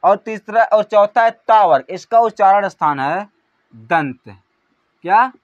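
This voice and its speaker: A man teaches an exam-prep grammar lesson in a high-pitched, lively voice, unhurried as he poses questions and answers them himself. He calls out syllables one at a time and trails off softly. The recording is dry and lo-fi.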